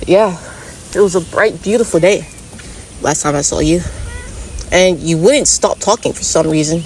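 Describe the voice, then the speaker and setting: On a rural road outdoors, a woman with a lowish voice vlogs at a normal pace, chatting and coaxing animals in sweet baby talk. It's a casual walk-with-animals vlog, and steady outdoor noise runs through the recording.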